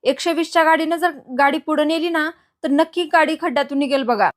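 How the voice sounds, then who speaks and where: A woman's voice: high-pitched, fairly quick, lightly acted. A woman voicing a blind young woman who teaches physics, plain and matter-of-fact.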